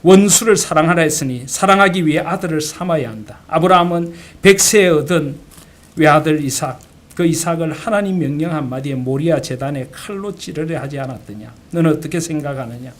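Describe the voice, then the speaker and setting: A steadfast father speaks with earnest conviction to his child, as a preaching man acts him out. His voice is fairly high for a man and grows loud and firm. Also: fairly quick, natural voice. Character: steadfast elderly father pastor, gently firm.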